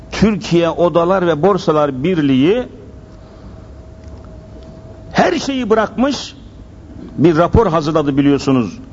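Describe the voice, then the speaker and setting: A male preacher delivering a fiery sermon at a pulpit microphone, speaking emphatically with repetition and rhetorical questions in speech. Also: a little high. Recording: dull lo-fi pulpit microphone, clearly noisy.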